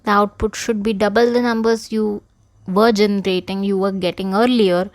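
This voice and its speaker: A woman's voice: mid-range voice, steady tone, normal speed, dry recording. A young woman with an Indian accent, hosting her own show, talking frankly and casually and switching into Hindi mid-sentence. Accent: Indian English. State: out of breath. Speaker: podcast host. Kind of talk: candid casual monologue.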